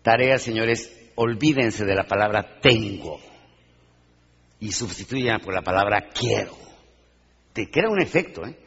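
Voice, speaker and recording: A man giving a live motivational talk, animated and questioning his audience, acting out little scenes. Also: on the low side, a little slow, pauses often, slight background noise. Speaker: motivational speaker. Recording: dull, reverberant hall sound.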